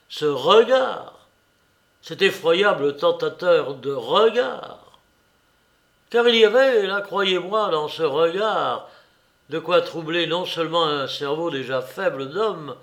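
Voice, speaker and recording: Man voicing a shaky obsessed asylum doctor, loud outbursts, storybook reading, raised pitch. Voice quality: trembling voice. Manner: vehement, bursts out loudly.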